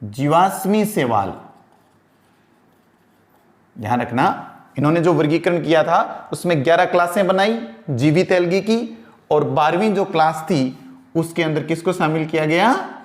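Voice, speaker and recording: Slow, higher-pitched male teacher. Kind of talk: classroom lecture.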